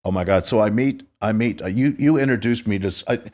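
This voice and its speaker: A man's voice: lowish voice, fast, darkish tone. A man in his sixties hosting a podcast, telling stories in a boastful, profane, casual way. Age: 60s. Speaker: podcast host.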